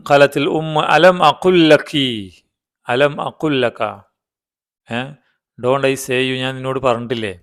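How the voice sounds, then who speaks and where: A man's voice: medium pitch, fairly bright tone, smooth. A man teaching an online language class who reads a line aloud, then explains it piece by piece and asks his students simple questions along the way.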